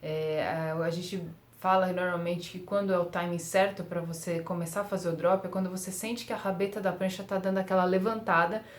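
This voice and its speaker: In a roomy-sounding space, a surf vlogger talks through surfing tips in a relaxed tutorial style. The young woman's lowish voice is flat and fairly quick with few pauses, though she still chats, uses fillers and often laughs at herself.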